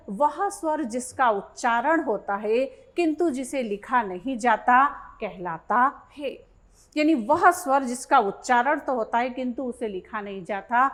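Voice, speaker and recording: A woman with a fairly high voice teaches a grammar lesson at an unhurried pace. She reads each question aloud, repeats it, and walks through the answer step by step, like a patient exam-prep tutor. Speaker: Hindi teacher.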